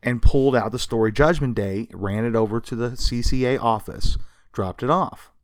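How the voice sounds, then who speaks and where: A medium-pitched man speaking at a moderate pace co-hosts a podcast, telling comics history in a relaxed but emphatic manner with a sarcastic edge and some swearing. The recording is dry.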